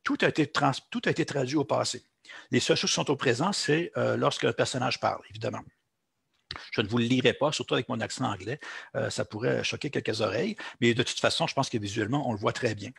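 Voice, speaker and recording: A man's voice: medium pitch, fast, gravelly, fairly bright tone, breathy edge, dry recording, studio quality. A man teaching translation in a recorded lecture, explaining at length with frequent fillers and restarts. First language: French. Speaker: translation instructor.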